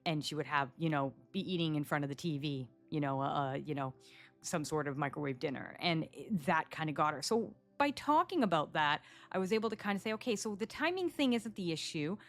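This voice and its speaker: A woman in her forties hosting a casual solo podcast, chatty and animated, telling stories and acting out what her clients say. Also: deep voice, fairly quick, faint music behind. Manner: chatty, animated storytelling, acts out quoted clients. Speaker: psychic podcast host. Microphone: studio microphone.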